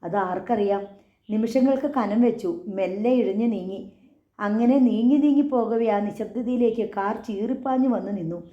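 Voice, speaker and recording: A woman narrating a story audiobook in a measured, dramatic manner. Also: a little high. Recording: echoey, slightly dull recording.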